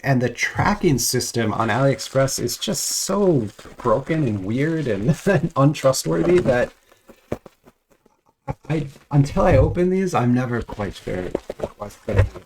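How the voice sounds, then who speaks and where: Unboxing trading cards at home, a vlogger with a cold and a slightly off voice talks casually and rambles, full of restarts and small chuckles. His mid-range voice is a little mellow, unhurried and lively in intonation. The audio is poor, with a little hiss or hum.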